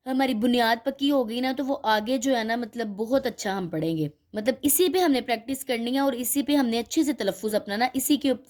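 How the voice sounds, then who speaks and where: Gentle woman teaching Quran letters. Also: on the high side. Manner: explains slowly, checks in with "theek hai?" often; models letter sounds, drawn out and repeated. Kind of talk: patient Qaida lesson for children.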